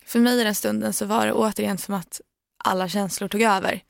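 A young woman speaking slowly and quietly about her own painful experience in an interview. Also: mid-range voice, fairly even intonation, creaky, no room sound, studio quality. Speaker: guest, daughter. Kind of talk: personal account in interview.

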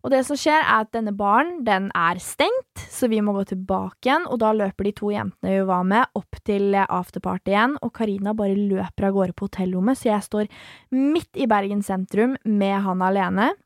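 A young adult woman telling a story in a casual podcast chat, animated and swearing as she acts out the people in it. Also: mid-range voice, dry recording, clean studio sound.

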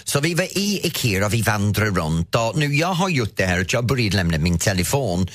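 A man's voice: fairly low pitch, big pitch swings, a bit bright. A male radio host telling an exasperated story in a theatrical, emphatic way in a studio. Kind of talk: animated radio banter and ranting story.

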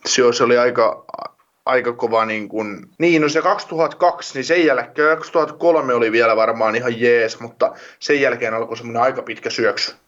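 A man's voice: mid-range voice, fairly bright tone, highs cut off. A man talking hockey in a casual podcast chat, rambling with many restarts and fillers.

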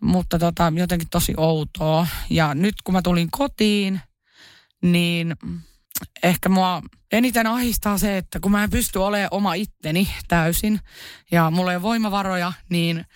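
A woman chats casually as a podcast co-host, joking about herself and leaning on fillers. Her voice is smooth and resonant. The sound is dry and close. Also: lowish voice, no echo. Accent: Finnish. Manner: chatty, self-mocking, many fillers. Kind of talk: casual chat.

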